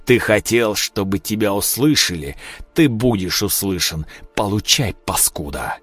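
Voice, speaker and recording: A man voicing a stern, defiant middle-aged male major who talks with forceful shouts. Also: lowish voice, animated, unhurried. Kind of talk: audiobook character voice.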